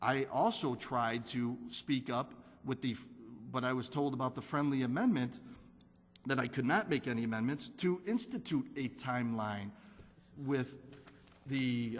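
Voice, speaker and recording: Man, alderman, council meeting speech, earnest, insistent, echoing council chamber. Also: mid-range voice. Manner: earnest, repetitive, insistent on data. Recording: council chamber with long reverb.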